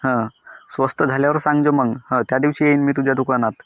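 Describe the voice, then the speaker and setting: A man's voice: mid-range voice, steady tone, fast talker, a bit bright, dry recording, lightly acted. A man voicing a stingy, haggling village customer with a Vidarbha Marathi accent. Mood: wheedling. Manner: wheedling, haggling.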